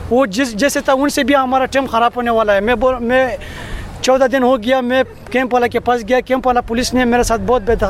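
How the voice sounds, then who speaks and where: A young man from Afghanistan whose first language is Pashto speaks in a high, earnest voice, pleading and repeating himself as he lays out his troubles. He is recorded outdoors on a city street, with a faint hum of traffic underneath. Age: 20s. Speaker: interviewee. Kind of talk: emotional street interview.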